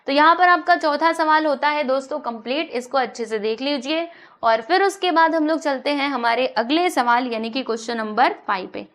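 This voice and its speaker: High-voiced woman teaching maths. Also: a bit bright. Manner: coaxing, asks the class questions and answers them herself; slows down to read the English problem text aloud. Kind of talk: whiteboard maths lesson.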